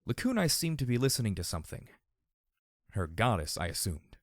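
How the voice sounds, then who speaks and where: Low-voiced man reading a story. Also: fairly quick, dry recording, studio quality. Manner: steady first-person narration. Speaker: narrator. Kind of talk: audiobook reading.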